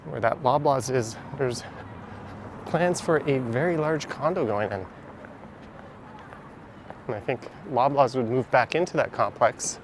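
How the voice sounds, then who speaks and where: A man's voice: medium pitch, measured pace, pauses often. A man with a Canadian accent chatting casually as he power walks and live streams through city streets. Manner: chatty, speaks while power walking. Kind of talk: casual walking commentary. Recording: outdoor street noise. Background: traffic and street noise.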